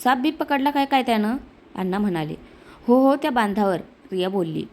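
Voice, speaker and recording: A woman's voice: a little high, lively intonation, a little fast, darkish tone. A woman telling a dramatized village story, voicing each character's dialogue as she goes. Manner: voices the characters' village dialogue with her narration.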